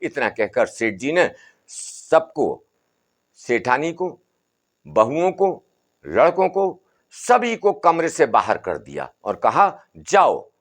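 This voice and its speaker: Lively storyteller man. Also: mid-range voice, slow pace. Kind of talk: oral folk tale narration.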